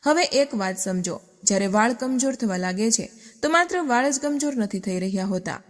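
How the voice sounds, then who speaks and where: A health channel presenter narrates a scripted explainer in a fairly high, lively voice at normal speed, posing rhetorical questions and then answering them herself. Her words are followed by a long reverb tail.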